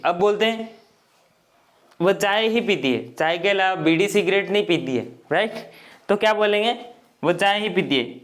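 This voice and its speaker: A man teaching English grammar in Hindi, explaining step by step and often checking that students follow. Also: high-pitched. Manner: slow, repetitive explaining with frequent checks.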